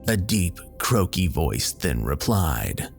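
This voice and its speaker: A man narrating a first-person horror story in a measured storytelling manner. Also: deep voice, sing-song, gravelly, soft background music. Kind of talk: scripted narration.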